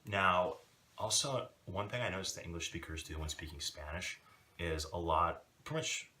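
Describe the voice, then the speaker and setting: A man giving a casual video lesson, talking in a relaxed, rambling way with many fillers. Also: deep voice, moderate pace, far from the mic. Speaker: language teacher.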